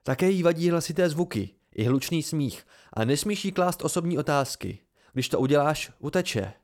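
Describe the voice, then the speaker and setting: A man's voice: fairly high pitch, lively intonation, pitched above the performer's own voice, close to an everyday voice. A man voicing an anxious young male student who pleads urgently in an amateur audiobook reading.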